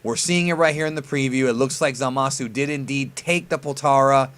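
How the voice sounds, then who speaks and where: A man's voice: medium pitch, fairly even intonation, a little fast, noisy background. A man giving casual fan commentary as host of a reaction video, informal and a bit sweary. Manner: informal, mildly profane slang. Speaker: host reacting to an anime preview.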